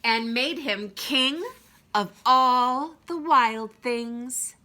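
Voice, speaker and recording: A woman reading a picture book aloud to young children, expressively, with deliberate dramatic pauses and emphasis. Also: fairly high pitch, pushed and bright.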